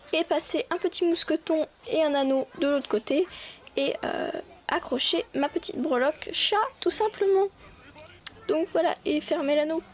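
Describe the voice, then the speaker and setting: A young woman with a high voice talks through a clay craft tutorial in a relaxed, chatty way. She keeps stopping to fill gaps and restart her sentences as she goes. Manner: chatty, many fillers and restarts. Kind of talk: casual voice-over tutorial.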